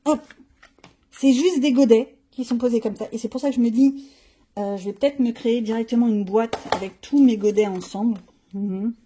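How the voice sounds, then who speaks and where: In casual show-and-tell, a middle-aged woman with a dark-toned voice on the high side demonstrates her art supplies, thinking aloud and adding frank slangy asides. A little hiss or hum can be heard.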